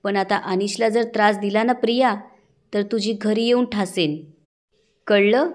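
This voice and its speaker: A woman's voice: mid-range voice, unhurried, natural voice. A woman voicing a haughty young woman who talks rudely and issues threats. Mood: cold. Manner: cold, rude and threatening.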